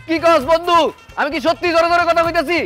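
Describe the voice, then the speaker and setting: An actor playing a frantic young husband who talks loudly with big gestures, in a comic drama. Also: male voice, very high voice, flat delivery, fast talker, soft background music. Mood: worried. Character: young husband of a deaf wife, loud and frantic.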